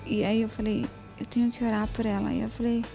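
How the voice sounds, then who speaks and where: A woman's voice: fairly high pitch, flat delivery, fast talker, gravelly, mellow, soft background music. A woman, a guest on a program, telling her personal faith testimony in a spontaneous, chatty way with many tag questions. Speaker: interview guest.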